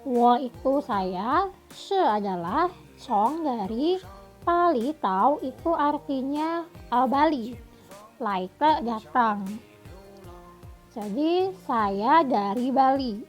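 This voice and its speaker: A woman's voice: high-pitched, expressive, very slow, pauses often, faint music behind. A woman teaching a recorded Mandarin lesson, pronouncing example sentences carefully and repeating them as drills.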